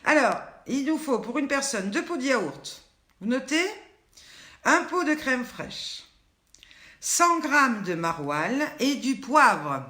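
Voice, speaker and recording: Her voice sits high and sounds pushed and bright, sing-song as she takes it slowly. She's an older woman with a Southern French accent hosting a casual live cooking chat, joking and calling viewers by name, in a roomy, echoing space.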